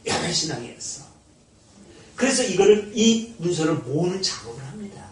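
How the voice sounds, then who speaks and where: Animated man lecturing in an echoey room. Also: high voice, normal speed. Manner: animated, blunt and sometimes mocking. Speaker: Bible study lecturer. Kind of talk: informal lecture. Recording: echoey room, mic far off.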